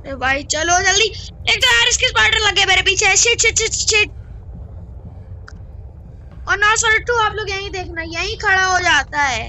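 A gaming YouTuber giving excitable horror-game commentary with a slightly hoarse throat, yelping and exclaiming at each scare. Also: very high-pitched, moderate pace, pauses often. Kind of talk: excited Hindi gameplay commentary.

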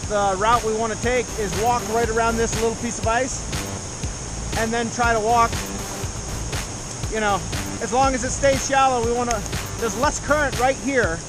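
A high-pitched man talks eagerly outdoors beside an icy river and waterfall. His voice comes through an action camera, and loud music sits over it. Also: fairly even intonation, normal speed, long pauses, poor audio. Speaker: whitewater rafter. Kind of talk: casual outdoor chat.

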